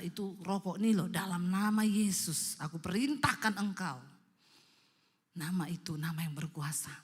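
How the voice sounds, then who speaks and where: A woman's voice: mid-range voice, big-room sound. A woman pastor preaching a sermon, telling stories emphatically and calling out to the congregation.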